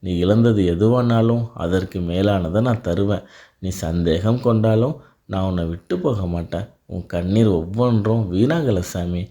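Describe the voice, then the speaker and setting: Deep mellow guy, calm devotional blessing talk, soothing and steady. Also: normal speed. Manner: calm, reassuring second-person address. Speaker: devotional narrator.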